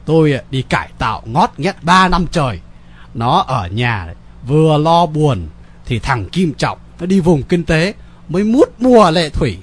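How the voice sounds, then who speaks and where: A man voicing a weary older father who talks slowly and sighs, dropping polite particles between words. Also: on the high side, big pitch swings, breathy edge, heavily acted. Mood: resigned. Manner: slow, sighing, sprinkles polite particles.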